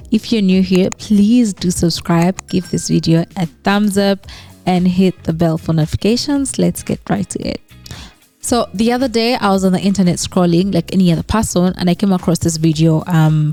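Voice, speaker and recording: With a fairly low, dark-toned voice, a Western Ugandan woman runs a casual commentary vlog on her own YouTube channel. She keeps it conversational, often dropping in tag questions and fillers such as "right?" and "you know".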